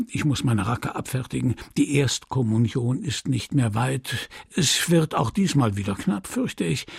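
A man voicing a bustling, talkative old village priest, gravelly, with a fussy manner that lifts in pitch for emphasis. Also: darkish tone, dry recording, clean studio sound, exaggerated voice.

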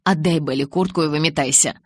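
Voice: medium pitch, fairly quick, slightly rough, no echo, close to an everyday voice. A tense young male vampire growls his words through clenched restraint, as an audiobook reader puts him on. He sounds protective and strained. The reading is dry and close. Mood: grim.

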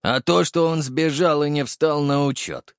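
A man's voice: on the high side, a little slow, clean tone, dry recording, voice pushed up. A male audiobook reader voicing a wry, jaded middle-aged police captain who talks in a dry, knowing, matter-of-fact way. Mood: probing. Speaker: audiobook narrator voicing a character.

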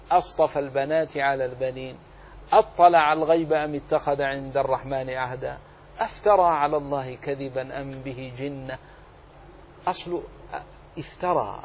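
A man teaching the rules of Quran recitation, explaining slowly, drawing out example words and asking and answering his own questions. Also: a little high, slight background noise. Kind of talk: tajweed lesson.

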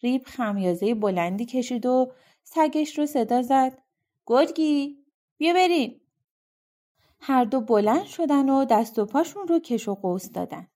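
A woman reading an audiobook of folk tales aloud, in a lively, expressive storybook style. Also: a little high. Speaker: audiobook reader. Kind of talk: storybook narration.

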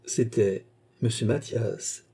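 Dark husky male storyteller. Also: medium pitch, takes it slowly. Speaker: audiobook reader. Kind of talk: scripted narration.

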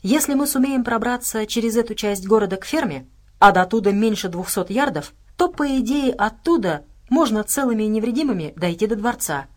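A woman's voice: on the high side, lively intonation, brisk. A woman reading as a firm, determined female scientist. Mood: earnest.

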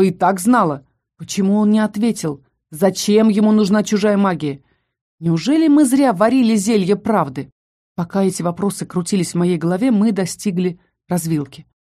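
Brief: woman audiobook narrator, mellow mid-pitched voice, dramatic fantasy reading.

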